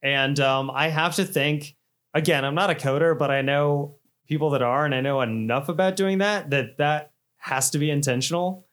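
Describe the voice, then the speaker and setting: A man's voice: on the high side, fairly even intonation, normal speed, a bit bright. A man, hosting a casual podcast chat, rambling and self-deprecating with frequent laughs. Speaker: podcast host.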